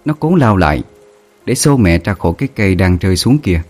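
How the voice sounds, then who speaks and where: A man's voice: low voice, lively intonation, a little fast, a little mellow, soft background music. Emotive male storyteller. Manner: emotive, dramatic. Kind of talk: scripted narration of a ghost story.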